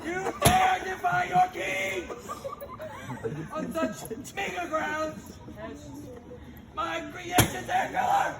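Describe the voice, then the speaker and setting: A man's voice: very high-pitched, little pitch movement, extremely slow, long pauses, heavily acted. A man playing a vain, petulant pagan king in a comic amateur stage pageant, bombastic and declamatory. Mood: outraged. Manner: bombastic, declamatory shouting dropping into casual asides. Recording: very noisy live outdoor pageant recording.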